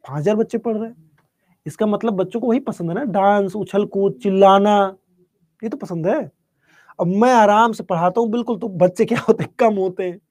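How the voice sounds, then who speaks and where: Soft-spoken man teaching a calm online class. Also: high voice, brisk, no room sound, clean studio sound. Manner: reads out student chat questions and answers them. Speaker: online exam-prep teacher. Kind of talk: live online class, chatting with students.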